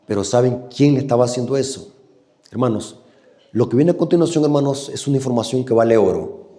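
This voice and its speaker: A man with a Salvadoran Spanish accent preaching a sermon, animated and often asking the congregation questions. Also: medium pitch, fairly quick.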